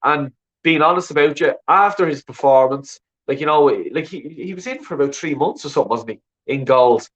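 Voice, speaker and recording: An Irishman with a Dublin accent hosts a call-in show, reading viewer comments in a rambling, sweary casual chat packed with "you know what I mean." His voice is fairly high, brisk and fairly bright, and the recording sounds dull and lo-fi.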